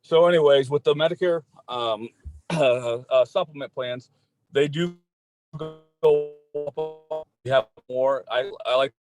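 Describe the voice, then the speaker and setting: A man's voice: medium pitch, takes it slowly, darkish tone, faint music behind, low-quality recording. A man, an insurance agent on a group call, explaining plans in a plain, matter-of-fact way while his cell phone connection keeps breaking up. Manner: plain, matter-of-fact, repeats points for emphasis. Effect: choppy breaking-up cell phone connection. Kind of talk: casual sales explanation.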